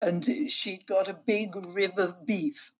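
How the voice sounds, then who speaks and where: Older Yorkshire-born woman, a measured storyteller, very slow delivery. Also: medium pitch, steady tone, poor audio. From Yorkshire, England. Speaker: guest, cookbook author. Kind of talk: interview over a call.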